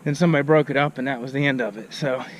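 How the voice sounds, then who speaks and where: A man's voice: medium pitch, racing. Man, pastor, casual outdoor vlog, breathless from walking uphill, phone at arm's length, faint background noise. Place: outdoors on a hill.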